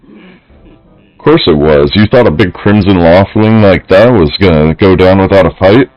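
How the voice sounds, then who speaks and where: A man's voice: sits low, measured pace, lo-fi sound. Man reading as a cocky bully student. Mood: boastful. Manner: taunting, swaggering.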